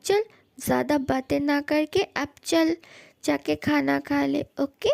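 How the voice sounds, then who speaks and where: A woman voicing a scolding but soft-hearted middle-aged mother in a fan dub drama, bossy and fussing. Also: sits high, slow, vocal fry, full character voice. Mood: reassuring.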